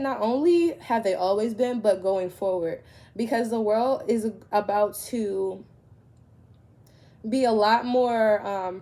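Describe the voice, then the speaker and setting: Congested from a cold, a woman tarot reader offers conversational spiritual advice to her viewers, often checking in with "right?". Her voice is medium-pitched and warm.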